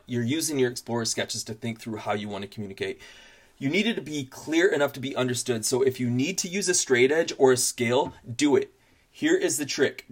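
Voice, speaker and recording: A man narrating a scripted advice vlog in an upbeat, tidy, emphatic and informal way, laying out points like a tutorial host. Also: mid-range voice. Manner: informal, plain-spoken.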